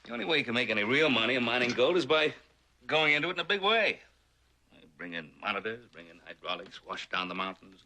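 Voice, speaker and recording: An actor playing a firm, principled ranch patriarch in a TV western, speaking with emphatic authority. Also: male voice, sits low, bright, forceful tone, exaggerated voice, poor audio. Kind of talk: TV western drama acting.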